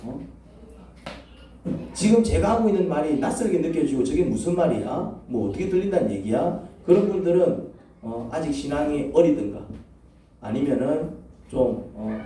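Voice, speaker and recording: A man's voice: mid-range voice, animated, fairly quick, warm tone, slight background noise. A man, a pastor, preaching a sermon in a church and firing questions at the congregation. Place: church sanctuary. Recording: echoey church from a distance.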